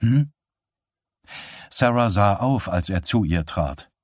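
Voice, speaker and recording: A man narrating a literary audiobook in a measured, even storytelling manner. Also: fairly low pitch, no echo, clean studio sound.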